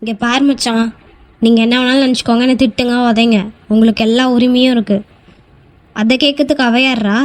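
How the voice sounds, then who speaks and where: A man's voice: very high voice, fairly even intonation, brisk, dry recording. A man voicing a stubborn young husband in a cartoon, curt and dismissive. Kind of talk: Tamil cartoon voice acting.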